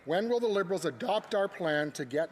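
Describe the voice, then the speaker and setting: A man's voice: high-pitched, animated, fairly quick, darkish tone. A man reading out a question as an opposition member of parliament. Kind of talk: parliamentary question, read speech. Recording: long reverberant hall.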